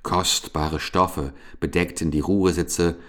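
A man narrating a children's fairy tale in a calm, measured storytelling manner. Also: low-pitched. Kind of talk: fairy-tale audiobook reading.

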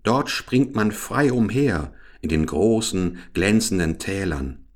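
A man's voice: low voice, expressive, slow pace, heavily acted. A man as a proud homesick reindeer. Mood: longing.

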